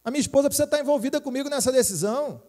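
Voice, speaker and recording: With a very high, slightly mellow voice, a middle-aged Brazilian pastor preaches at rapid-fire speed in a Brazilian Portuguese accent. His sermon is chatty and joking, full of tag questions that check in with the crowd, and it's recorded with the reverb of a church hall.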